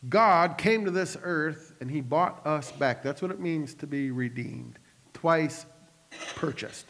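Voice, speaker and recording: A man's voice: on the high side, fairly bright tone. A male pastor preaching a sermon, telling stories animatedly and adding joking asides to the congregation. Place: church sanctuary. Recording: long reverb of a church hall.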